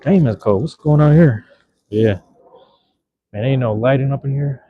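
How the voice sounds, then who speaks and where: Out in a park at night under cold drizzle, a young man livestreams a casual chat from a handheld phone. He has a mid-range voice and a moderate pace, talking in a laid-back, slangy, rambling way. The phone audio is lo-fi and slightly dull.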